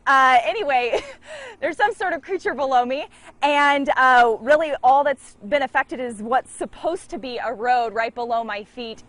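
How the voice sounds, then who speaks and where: A woman's voice: a little high, a bit bright, no echo. A woman TV field reporter giving an unscripted live report.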